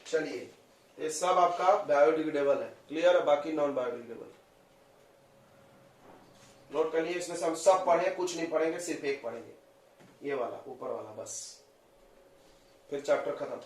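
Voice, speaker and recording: A man's voice: on the high side, normal speed, pauses often. A man teaching chemistry in a classroom lecture, quizzing his students and coaxing them to follow along. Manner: coaxing, drills students with questions. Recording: roomy echo, voice from a distance.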